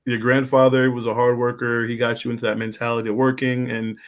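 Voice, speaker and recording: A man's voice: medium pitch, little pitch movement, fast talker. A man hosting a live podcast interview, laid-back and friendly with viewers. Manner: laid-back, shouts out listeners. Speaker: podcast host. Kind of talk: casual livestream interview.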